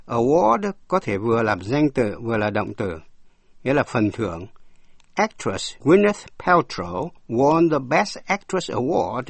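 A man giving a scripted vocabulary lesson, spelling words letter by letter and reading English examples slowly before explaining them. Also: mid-range voice, creaky, dry recording. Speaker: English teacher.

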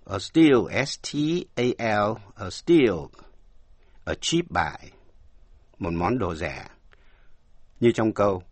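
A man teaching English pronunciation in a language lesson, slowly spelling words out letter by letter. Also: lowish voice, no room sound.

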